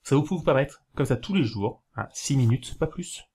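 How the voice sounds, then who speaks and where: A man talking casually to camera, giving practical tips in a rambling, hesitant way, with many fillers and self-corrections, slowing down to spell things out. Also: mid-range voice, lively intonation, darkish tone, slightly rough. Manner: explains slowly, spelling things out while writing. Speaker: video host giving learning tips.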